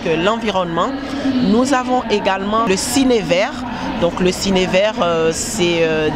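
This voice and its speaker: A woman's voice: mid-range voice, very noisy. A woman project manager explaining her association's work in an interview, with frequent fillers. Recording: loud crowd behind.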